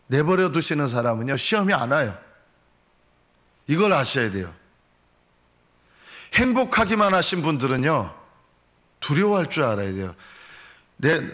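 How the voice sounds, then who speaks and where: A male pastor preaching a sermon at a dawn prayer meeting. He swings between raised, pleading voices and low, quiet solemn lines. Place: church sanctuary.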